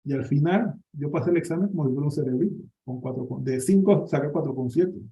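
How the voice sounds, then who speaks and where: Priest, very mellow, slightly high-pitched; lively faith testimony on a dull lo-fi recording. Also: male voice, fast. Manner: lively storytelling, many restarts and filler sounds.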